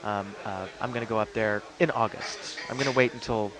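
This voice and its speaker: A man's voice: fairly low pitch, fairly even intonation, fairly quick. Man co-hosting radio, casual rambling chat, jokey, lots of ums, crowd noise behind. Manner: rambling, joking, many fillers and restarts. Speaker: radio co-host. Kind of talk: casual chat about local events.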